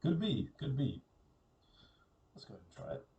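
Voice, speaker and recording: Man, casual solo beer review, musing, repeats words, mid pitch, slightly distant mic. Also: moderate pace, dull audio, slight background noise. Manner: relaxed, musing, repeats himself.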